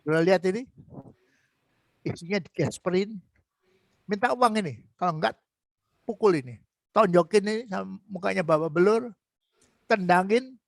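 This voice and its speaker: An older man in his seventies leads an online Bible lesson over a video call, calling on students by name and asking rhetorical questions. His voice sits high with a gravelly grain. The sound is close and dry. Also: moderate pace, pauses often, no room sound. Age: 70s. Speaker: Bible teacher. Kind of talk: online Bible class teaching.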